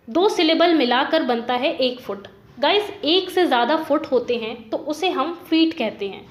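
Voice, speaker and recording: A woman's voice: high-pitched, reverberant. A woman teaching a lesson, explaining step by step in a patient way. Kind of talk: Hindi lesson explaining poetic meter.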